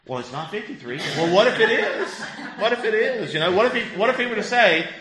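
A man's voice: high-pitched, expressive, fairly quick, crowd noise. A man in his fifties, a pastor teaching a Bible class in a conversational way, asking the group questions. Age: 50s. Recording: echoey room.

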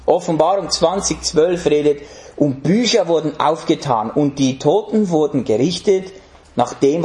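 A man's voice: on the high side, darkish tone, reverberant. A man preaching a sermon in an emphatic way, putting rhetorical questions to the congregation.

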